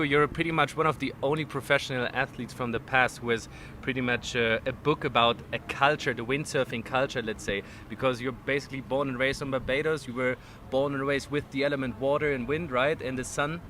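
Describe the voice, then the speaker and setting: A man's voice: medium pitch, fairly even intonation, a little fast, pushed and bright, slight background noise. A man interviewing a guest at a festival, upbeat, often using fillers like "I mean". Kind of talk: outdoor interview. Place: outdoors at a lakeside festival.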